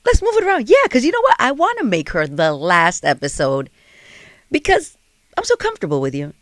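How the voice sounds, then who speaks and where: A woman host talks fast, her pitch leaping around as she teases her guest and switches between English and Spanish. Her voice sits slightly low. The sound is close and dry. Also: dry recording. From Dominican family. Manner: animated, teasing, quick code-switching. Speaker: podcast host. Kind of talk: casual bilingual interview chat.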